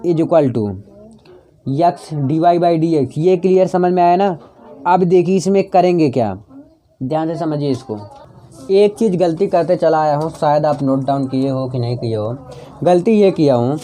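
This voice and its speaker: A warm, fairly high male voice walks students through a maths tutorial in chalk-and-talk style. The teacher coaxes them on, repeats each step for emphasis, and supplies the answers to his own rhetorical questions.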